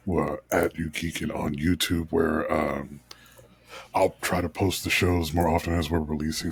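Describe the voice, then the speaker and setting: A man's voice: a bass voice, slightly rough. A man hosting a casual podcast chat, rambling with fillers and laughing easily. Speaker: podcast host.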